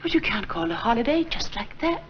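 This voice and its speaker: Proper young nun, gently reproving; dull 1940s film sound with light hiss. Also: female voice, a little high, big pitch swings, brisk. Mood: earnest. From Sweden, raised in Minnesota. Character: earnest, proper young nun running a school. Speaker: nun heading a school.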